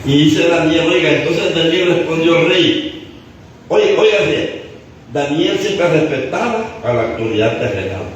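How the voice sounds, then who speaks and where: Pastor, male, high voice, impassioned sermon with restarts; very echoey room, distant mic. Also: expressive, a little slow, slight background noise. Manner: impassioned, repeatedly addressing "hermano", stumbling restarts. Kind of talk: preaching a sermon.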